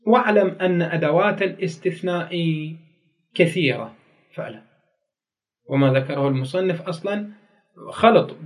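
A man with an Iraqi Arabic accent teaching a grammar lesson, repeating key phrases and putting questions to his students. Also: medium pitch.

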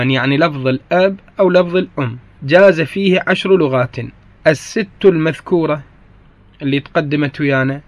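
A man with an Iraqi Arabic accent gives a grammar lesson in a voice that sits a little high. He walks through each point, says key phrases twice and stops to correct himself. The sound is close and dry, with no room echo. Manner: corrects himself mid-sentence. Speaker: grammar teacher.

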